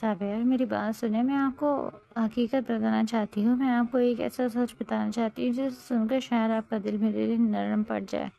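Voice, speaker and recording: Brief: woman doing a weeping young wife, gravelly, warm and dark. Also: a little high, fairly even intonation, rough recording. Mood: desperate. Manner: pleading, tearful delivery. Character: tearful young wife begging forgiveness.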